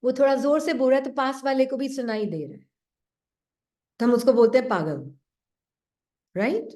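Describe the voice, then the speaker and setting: A woman giving a gentle spiritual talk to an online class, asking her listeners questions and dropping into a low voice to act out the doubting mind. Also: normal speed. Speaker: spiritual teacher.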